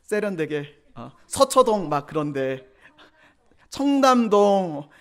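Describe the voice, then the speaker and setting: A man's voice: sits high, big pitch swings, slow, smooth. A male pastor preaching a Sunday sermon to young adults, teasing the congregation with questions and acting out quoted church members in changed voices. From Korea. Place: church sanctuary.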